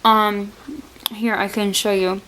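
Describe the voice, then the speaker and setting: A woman's voice: medium pitch, flat delivery, takes it slowly, fairly bright tone, slight background noise, rough recording. A woman chatting casually in a vlog, speaking with a sore, stiff jaw that barely opens and a partly numb mouth after surgery. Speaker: vlogger sharing surgery recovery. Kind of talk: casual chat.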